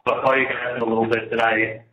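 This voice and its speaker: A man's voice: mid-range voice, little pitch movement, quick pace. Man on an echoey jail payphone. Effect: jail payphone line. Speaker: jail inmate calling his parents. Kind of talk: casual phone call. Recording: muffled, echoey, noisy payphone line.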